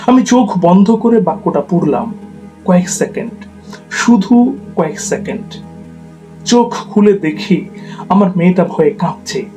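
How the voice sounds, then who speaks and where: Soft-spoken man narrating a story. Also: high-pitched, low-quality recording.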